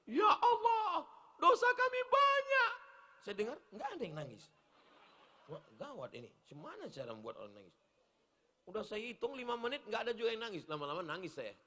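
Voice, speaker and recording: A middle-aged man preaches at an outdoor rally. His voice sits high and rings bright and sharp. He jokes with the crowd and swings from loud sung chant to hushed asides. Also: sing-song, quick pace, a little hiss or hum. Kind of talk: open-air sermon with jokes and acted dialogue. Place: outdoor football field gathering.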